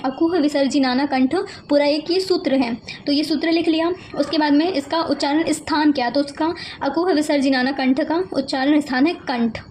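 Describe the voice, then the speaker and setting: A woman's voice: high-pitched, a little mellow, a little hiss or hum. A woman teacher giving an exam-prep lecture, explaining steadily and reciting syllables one by one.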